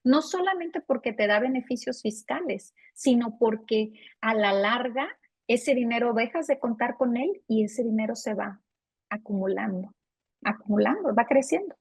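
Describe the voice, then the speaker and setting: A woman's voice: fairly high pitch, animated, normal speed, husky, dry recording. Earnest woman in her fifties, dry. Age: 50s. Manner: earnest, personal. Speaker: guest financial advisor. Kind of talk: interview answers.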